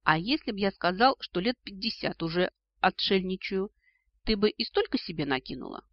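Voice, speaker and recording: A man's voice: sits high, lively intonation, normal speed, no room sound, voice pushed up. A man voicing a grumpy, sarcastic ancient male dragon in a storybook reading, with mocking, grumbling retorts. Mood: gruff mocking. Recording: dull lo-fi dry recording.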